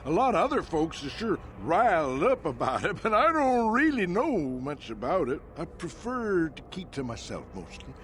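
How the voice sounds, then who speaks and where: An actor playing a grumpy, folksy old janitor in a video game, with a rambling, stammering way of talking. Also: male voice, on the high side, very animated, moderate pace, few pauses, fairly bright tone, a little hiss or hum. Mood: folksy, reserved. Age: older.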